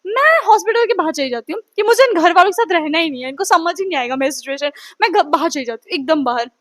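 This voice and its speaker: A woman's voice: very high voice, animated, quick pace, a bit bright. A teenage girl telling a personal story in a chatty, dramatic vlog style, acting out what people said. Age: teens. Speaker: vlogger.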